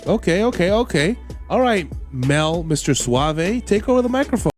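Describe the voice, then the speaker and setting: Male radio host, sick voice, high and lively, teasing. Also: moderate pace, faint music behind. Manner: animated, teasing, laughs often. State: sick, voice not his usual. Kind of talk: radio quiz show hosting.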